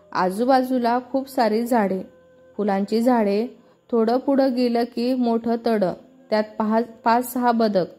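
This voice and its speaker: A woman narrating a scripted story in a steady, even reading manner. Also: a little high.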